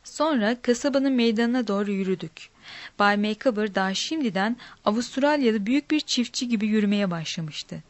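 A woman reads a storybook aloud with a measured, plain delivery. Her voice sits at an ordinary middle pitch and is recorded close, with a dry sound and no room echo. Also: expressive. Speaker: narrator. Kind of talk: storybook reading.

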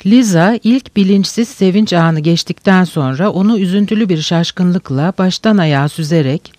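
Male audiobook narrator, slow measured storytelling, high voice, dry close recording. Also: a little mellow, no room sound. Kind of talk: scripted narration of a novel.

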